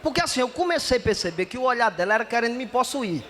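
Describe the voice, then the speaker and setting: A man telling a story in stand-up comedy, lively and acting out the dialogue. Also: very high-pitched, fast talker, noisy background.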